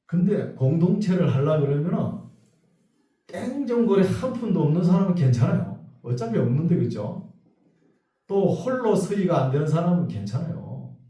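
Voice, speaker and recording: A male pastor giving a sermon in a church sanctuary. He reads scripture slowly, then speaks in a conversational, joking way. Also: a little high, sing-song, mellow. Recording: very echoey hall, voice from far off.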